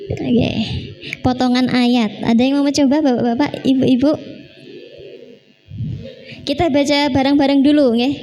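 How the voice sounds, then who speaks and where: A woman's voice: sits high, fairly even intonation, measured pace, long pauses, dark tone, rough recording. A woman teaching a live Quran recitation class, patiently demonstrating sounds and correcting her students.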